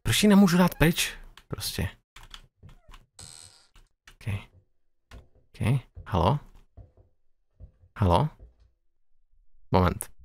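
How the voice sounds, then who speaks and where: A man's voice: mid-range voice, big pitch swings, long pauses. A young man playing a horror game and talking to himself in nervous, joking commentary. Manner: talks to himself, jittery, joking. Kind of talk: nervous let's-play commentary.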